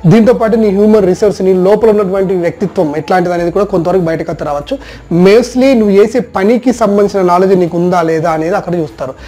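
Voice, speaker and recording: Fast, high-voiced male trainer. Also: mellow. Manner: direct, addresses listener as "you", long spoken lists. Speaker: soft skills trainer. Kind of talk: instructional talk on job placement rounds.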